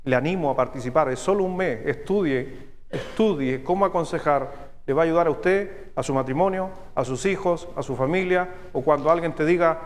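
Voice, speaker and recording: A man with a Chilean accent preaching a sermon as pastor, teaching step by step and checking in with his listeners through quick questions. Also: on the high side, long reverb tail. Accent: Chilean Spanish. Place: church sanctuary.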